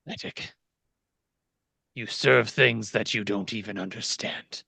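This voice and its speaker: A man's voice: fairly low pitch, gravelly, sharp tone, slightly rough, no echo, exaggerated voice. A man as game master narrating in character, voicing a proud, bitter, centuries-old fallen fantasy king with haughty, menacing delivery. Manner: haughty, menacing, slow declamation.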